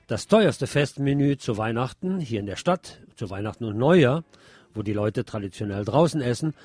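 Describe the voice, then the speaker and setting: Reading scripted radio news commentary, a man speaks deliberately and emphatically, dropping in wry asides. His medium-pitched voice is husky with a darkish tone, and there's no room sound.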